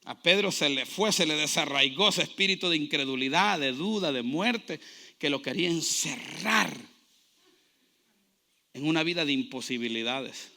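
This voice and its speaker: A male pastor preaching a sermon with passion. His delivery keeps building up to loud shouts. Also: on the high side, moderate pace, gravelly. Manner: impassioned preaching, rising to shouts.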